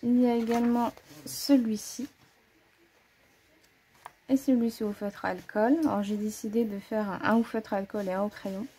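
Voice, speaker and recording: A woman with a fairly high, mellow, steady voice presents her coloring books to the camera at a moderate pace, pausing often, with a slight hiss or hum in the audio. As a hobbyist doing casual show-and-tell, she muses aloud, corrects herself, and leans on hesitations and "voilà."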